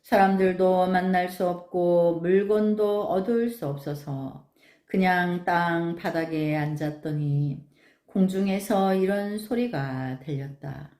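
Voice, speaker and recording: A woman, a Buddhist nun, reading a sutra aloud in a measured, solemn recitation. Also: fairly low pitch, dark tone. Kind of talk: slow, even sutra recitation. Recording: echoey room.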